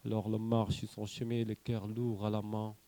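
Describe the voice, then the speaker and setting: A man's voice: lowish voice, completely flat delivery, moderate pace, warm tone. A man from Senegal, performing slam poetry in rhythmic declamation full of wordplay and repeated refrains. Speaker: slam poet.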